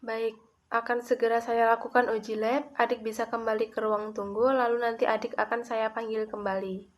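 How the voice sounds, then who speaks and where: A woman's voice: a little high, flat delivery, moderate pace, lightly acted. A woman playing a polite laboratory nurse who gives instructions in a scripted student role-play. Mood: polite, calm.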